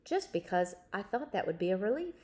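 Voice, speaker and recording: A woman reads a children's novel aloud with expressive storytelling, her mid-range voice moving a little fast.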